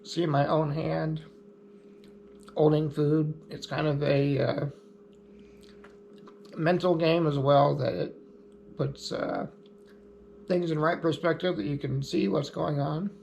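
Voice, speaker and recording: A vlogger explains things in an unhurried, easygoing way, plainspoken and lightly humorous. His slightly high voice has a gravelly edge, a steady and darkish tone, and faint room noise behind it.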